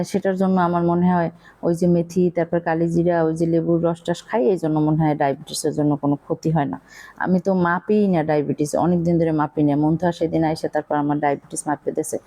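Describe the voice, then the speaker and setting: A woman's voice: on the low side, fairly even intonation, fairly quick, dark tone. A middle-aged woman with a Barishal accent who chats casually while cooking, rambling and confiding, with many fillers. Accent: Barishal Bengali. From Bangladesh. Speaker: cooking vlogger.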